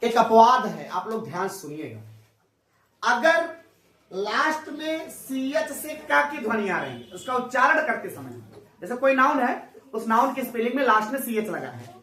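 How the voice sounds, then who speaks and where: Bright and forceful, with a sing-song mid-range voice at normal speed, this English teacher runs call-and-response drills in class, addressing the pupils as children and telling off anyone chattering. The sound is roomy and captured from afar, with faint traffic noise from outside.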